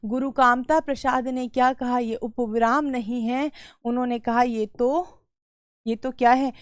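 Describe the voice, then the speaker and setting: A young adult woman teaching a lesson, slowly repeating key words and putting questions to her students. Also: on the high side, fairly even intonation, clear, resonant tone, no room sound, studio quality. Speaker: Hindi teacher. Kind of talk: exam-prep lesson.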